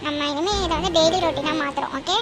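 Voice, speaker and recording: A woman's voice: high voice, fast, natural voice. A woman doing a bossy young cartoon friend. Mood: lecturing. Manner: scolding, firm, instructive. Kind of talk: cartoon voice acting. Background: music.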